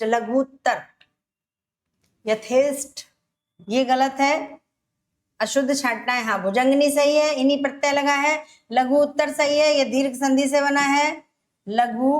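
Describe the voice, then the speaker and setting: A woman teaching Hindi grammar for an exam, explaining step by step and repeating words slowly. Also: high-pitched, fairly even intonation. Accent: Rajasthani Hindi. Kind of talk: exam-prep grammar lesson.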